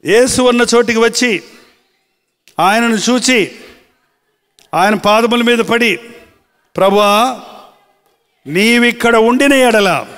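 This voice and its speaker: A man preaching a sermon as pastor, drawing out words slowly for emphasis and quoting scripture. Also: high-pitched, a bit bright, in a large hall. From India. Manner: preaching with slow, drawn-out emphasis and quoted scripture.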